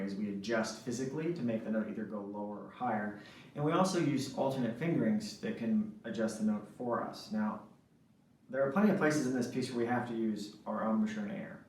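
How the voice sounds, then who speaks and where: A man's voice: lowish voice, a little mellow, slight background noise. A man teaching a saxophone lesson, explaining step by step and often checking in with "right?". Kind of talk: instructional lesson. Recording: echoey room, mic at a distance.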